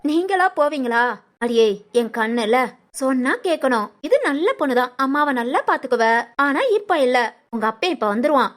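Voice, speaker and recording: A woman voicing a fussing grandmother who scolds and coaxes in a sing-song way, for an animated family story. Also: sits high, normal speed. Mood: coaxing. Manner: scolding, coaxing, sing-song village talk.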